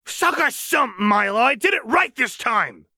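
A man's voice: very high-pitched, sing-song, normal speed, a bit bright, husky, no echo, clean studio sound, voice pushed up, heavily acted. A man voicing a volatile, unstable young woman mechanic who shrieks and rants frantically. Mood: manic ranting.

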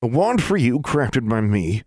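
A man's voice: mid-range voice, very animated, unhurried, a little mellow, no echo, studio quality, voice pushed up. A man voicing a shrewd old country woman who crafts wands, speaking in folksy dialect. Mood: measured.

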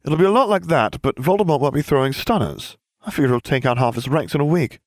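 A man putting on a petulant teenage boy wizard with a high, whiny voice that jumps around a lot. The delivery is quick and self-justifying, and the sound is dry and close. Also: animated, dry recording. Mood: pleading.

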